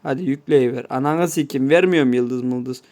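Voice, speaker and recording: A man's voice: mid-range voice, normal speed, darkish tone. A man giving casual gameplay commentary, swearing constantly and grumbling to his viewers in mock-offended asides. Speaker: gameplay YouTuber.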